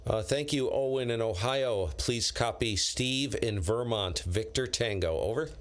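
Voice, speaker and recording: An American man chats casually with viewers on a ham radio live stream, using on-air call signs. His mid-range voice is unhurried, and his unscripted talk is rambling, blunt and full of slang.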